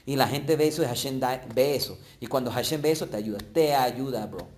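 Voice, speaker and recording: A man's voice: medium pitch, animated, fast talker, a little mellow. A man giving an informal religious lesson as a rabbi, acting out quoted voices and often checking in with his listeners. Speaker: rabbi teaching a yeshiva class.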